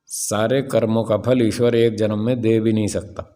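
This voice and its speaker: A man's voice: lowish voice, flat delivery, normal speed, dark tone. A man in his sixties, a swami, giving a spiritual discourse in a firm, rhetorical manner and putting questions to his listeners. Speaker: swami teaching scripture.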